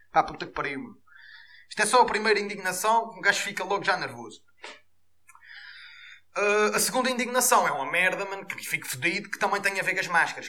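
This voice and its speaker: A man with a European Portuguese accent hosting a podcast, delivering an animated, profane comic rant. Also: sits high. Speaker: podcast host.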